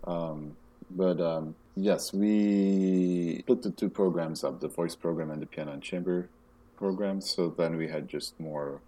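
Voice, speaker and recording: A man from Belgium, a music festival director, talking casually in a soft, measured way with frequent pauses. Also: deep voice, steady tone. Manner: soft-spoken, measured, hesitant with ums. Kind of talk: casual interview conversation.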